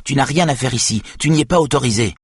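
A man reading an audiobook, voicing a furious young woman detective who shouts and swears. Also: medium pitch, quick pace, breathy edge, no room sound, clean studio sound, pitched above the performer's own voice, close to an everyday voice.

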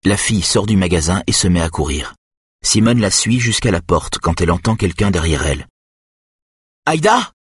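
A man reading a novel aloud in a steady, even narration. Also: sits low, a little fast, breathy edge, no echo, studio quality. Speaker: reader.

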